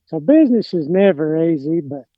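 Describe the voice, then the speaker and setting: A podcast guest with an Appalachian mountain accent, a middle-aged lawn care business owner, chats casually at a moderate pace in an expressive, fairly high voice. He rambles, hesitates and lets sentences trail away, and the sound is lo-fi.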